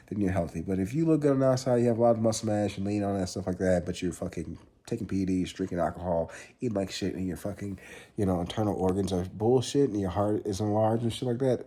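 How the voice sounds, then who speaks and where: Young man vlogging: low, husky, mellow delivery, earnest and a bit repetitive, casual swearing. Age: 20s. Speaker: fitness vlogger. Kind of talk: casual vlog talk to camera.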